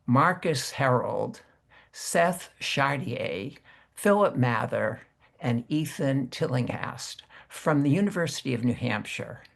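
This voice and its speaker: Gravelly-voiced male interview host. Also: mid-range voice, expressive, fairly bright tone. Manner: formal, measured welcoming delivery. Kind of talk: interview over video call. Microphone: video call.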